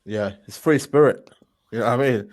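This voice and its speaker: A man's voice: mid-range voice, brisk, darkish tone. Man in a casual football rant. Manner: repeats tag phrases like a refrain. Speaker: football show panelist.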